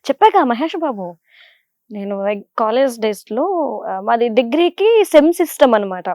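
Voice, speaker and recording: Chatty young woman, slightly high voice. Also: moderate pace, no echo, studio quality. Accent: Godavari Telugu. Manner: chatty and animated, with frequent fillers. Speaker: serial actress, interview guest. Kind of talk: casual interview answers.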